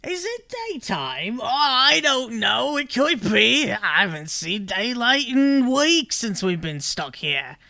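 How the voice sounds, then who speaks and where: A man voicing a bored, slimy toad-folk worker in a tabletop game, with a loud, halting, put-on accent. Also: sits high, animated, dry recording, clean studio sound, voice pushed up, full character voice. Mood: chatty, nosy.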